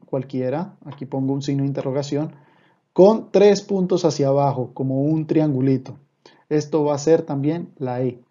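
Patient man teaching, dark muffled voice. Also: a little high. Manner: patient, repeats points, often checks in with listeners. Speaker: Hebrew teacher. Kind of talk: online language lesson. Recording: slightly dull, muffled recording.

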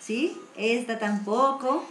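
Speaking slowly in a fairly high, fairly bright voice, a woman with a Colombian accent teaches watercolor in a live online class, full of chatter, encouragement and diminutives. Her computer mic on the video stream picks up an echoey room with faint music in the background.

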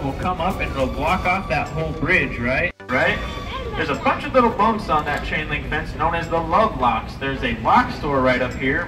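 A chatty man in his thirties gives a joking tour commentary on an open river boat, his fairly high voice coming through a speaker. It sounds roomy and a bit distant, with loud music behind. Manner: chatty, jokey, addresses riders as friends.

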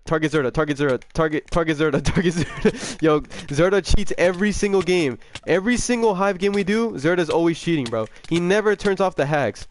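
A young man chatting casually with viewers during a gaming livestream, excitable, repeating himself and full of slang, his voice a bit sick. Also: on the high side, clean tone, no room sound. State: slightly sick voice.

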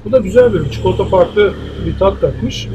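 A man in his sixties hosting a food show at a cafe, tasting dishes and speaking in a measured, appreciative way with many hesitations. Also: sits high, animated, background noise. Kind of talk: casual tasting interview. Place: outdoor cafe terrace.

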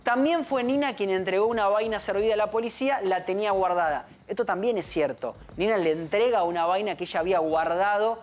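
A woman's voice: mid-range voice, a little fast, hardly any pauses, a little mellow. A woman with an Argentine accent, a crime reporter on a news panel, explaining the case point by point with emphasis. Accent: Argentine Spanish. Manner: explanatory, emphatic, often says "exactamente". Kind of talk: live news panel commentary.

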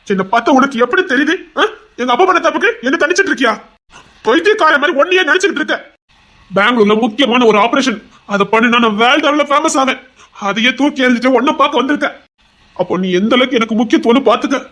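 A man's voice: very high-pitched, fast talker, sharp tone. A man with a Tirunelveli Tamil accent playing a young male heart doctor, a possessive lover who pleads and turns to threats. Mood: pleading. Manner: pleading, insistent, turning threatening. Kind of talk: audio drama acting.

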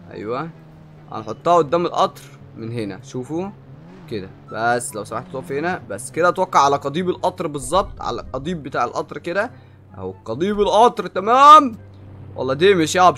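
A young man with an Egyptian Arabic accent doing excitable gameplay commentary, often shouting and drawling in amazement. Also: on the high side. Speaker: gaming YouTuber.

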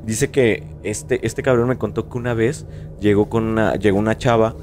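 A man with a lowish voice chats on a podcast, playing with joking euphemisms and street slang as he sets up a story. Faint noise sits under his voice. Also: steady tone, moderate pace, a little mellow. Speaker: podcast co-host. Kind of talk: casual storytelling chat.

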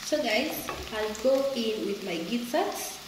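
A woman vlogger chats casually while cooking in her home kitchen, laughing often and calling her viewers "guys." Her voice sits on the high side, expressive and slow-paced, against a noisy background. The kitchen echoes, and frying sizzles throughout.

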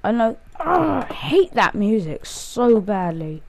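Playing through a game, this male host rambles casually, counting out loud and making self-mocking jokes. His voice sits high with a darkish tone and a sing-song lilt, he speaks slowly, and there is slight background noise.

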